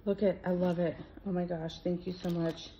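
A middle-aged woman from Minnesota unboxing craft mail, gushing and excitable with lots of gasps. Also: lowish voice, moderate pace, muffled recording, a little hiss or hum. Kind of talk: casual unboxing vlog.

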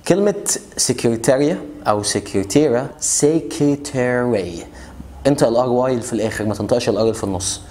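A young man with an Egyptian Arabic accent teaching English pronunciation in a casual video lesson, joking and boastful, slowing right down to spell out example words. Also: medium pitch, warm tone. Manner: boastful, joking, rapid chatty explanations with slow drawn-out example words.

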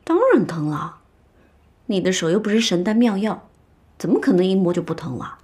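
A young actress playing a spirited, outspoken young woman who talks briskly and teases in a period TV drama. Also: mid-range voice, lightly acted. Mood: lively. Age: young adult. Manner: brisk, lively and teasing. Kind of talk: dubbed TV drama dialogue.

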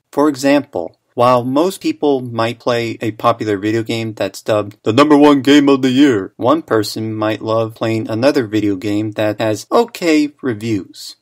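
A man's voice: on the low side, no room sound, studio quality. A young man who makes cartoons, giving an earnest, self-deprecating scripted opinion commentary. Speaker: cartoon and animation creator.

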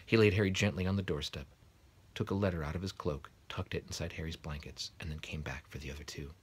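A man softly reading a bedtime story aloud in bed, his narration sometimes dropping to a whisper. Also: very deep voice, fast talker, husky. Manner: soft, quiet narration, drops to a whisper. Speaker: reader.

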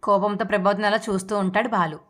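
A woman's voice: medium pitch, flat delivery, fast, fairly bright tone. A woman narrating a TV serial recap as a storyteller.

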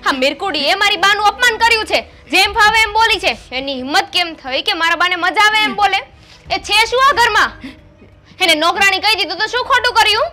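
A sharp-tongued young daughter-in-law. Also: female voice, very high-pitched, animated, brisk, soft background music, heavily acted. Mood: indignant. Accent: Gujarati. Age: young adult. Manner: demanding, shouting at in-laws.

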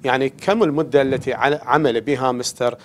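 A man's voice: mid-range voice, fairly even intonation, a little fast. A man with an Iraqi Arabic accent teaching an English lesson on television, explaining in a mix of Arabic and English and often checking "okay?".

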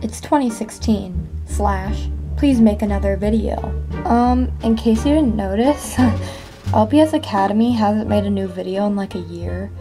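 High-voiced woman, sarcastic reading over music. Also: measured pace. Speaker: video creator and host. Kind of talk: casual vlog, reading comments aloud and reacting.

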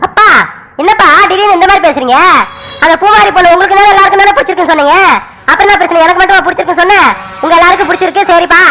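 A woman's voice: extremely high pitch, very fast, pushed and bright, full character voice, rough recording. A woman voicing a young man who protests and pleads with his father. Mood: protesting. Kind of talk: cartoon voice acting.

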